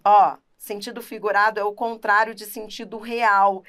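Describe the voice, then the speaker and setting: Uma professora com sotaque brasileiro dando uma aula de gramática animada e enfática, falando direto com o aluno. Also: female voice, mid-range voice, normal speed. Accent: Brazilian Portuguese. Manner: animated, emphatic, talks straight to the student. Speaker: teacher. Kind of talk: lively grammar lesson.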